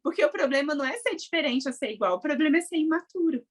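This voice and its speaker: A woman's voice: sits high, lively intonation, fast. A woman in casual conversation, explaining animatedly and acting out quoted voices.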